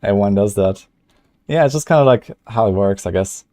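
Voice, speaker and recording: Young male streamer, low mellow voice, loose rambling chatter, dry close sound. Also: a little fast, no room sound. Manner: rambling, filler-heavy. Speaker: gaming streamer. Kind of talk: casual livestream commentary.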